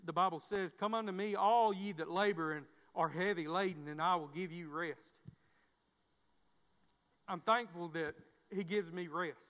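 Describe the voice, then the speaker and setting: This preacher's voice is high and a bit bright, and his stammer leads to frequent repeated words and restarts as he delivers his sermon. The audio is dull, with the long reverb of a church.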